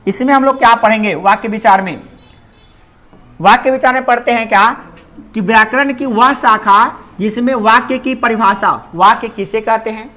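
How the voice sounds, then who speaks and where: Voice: mid-range voice, normal speed, pushed and bright. Hindi grammar teacher quizzing their class. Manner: asks questions and answers them, code-mixes English words. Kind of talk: classroom-style lecture.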